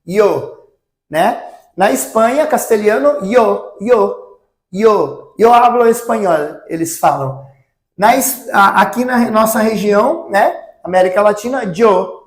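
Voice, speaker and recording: In this recorded online language lesson, a Spanish teacher with a high voice speaks slowly and patiently from an echoey room. Examples go into a close microphone, each word repeated slowly, and he caps his lines with "tá?".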